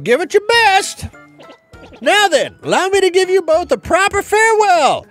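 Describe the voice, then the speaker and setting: A man voicing a shriveled old male Goomba professor in a quavering high old-man voice. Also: sing-song, normal speed, fairly bright tone, faint music behind, heavily acted. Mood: doddering.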